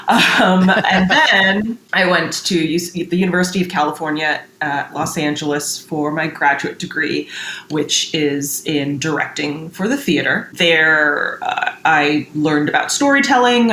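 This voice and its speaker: A chatty woman from the United States talks through a casual interview, laughing often and filling pauses with "like" and "um". Her voice sits a little low. It rings with a roomy echo, and a faint hiss runs underneath. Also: fairly bright tone. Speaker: guest.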